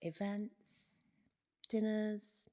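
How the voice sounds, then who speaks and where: A woman's voice: medium pitch, steady tone, drawn-out words, warm tone. A woman guest on a podcast, chatting casually and laughing often. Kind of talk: casual chat.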